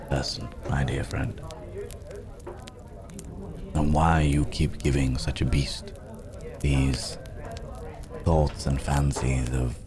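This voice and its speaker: In a slow, intimate ASMR audio roleplay, a man with a rumbling low voice plays a weary, philosophical cursed werewolf, musing in courteous, old-fashioned words with long, hesitant pauses. His mood is grateful and warm, and a crowd murmurs in the background.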